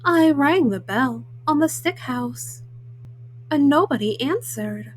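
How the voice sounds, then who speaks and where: A woman voicing a folksy, self-justifying male wolf in a storybook, haltingly, with frequent uhs. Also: high-pitched, animated, poor audio. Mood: self-justifying, matter-of-fact. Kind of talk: storybook read-aloud in first person.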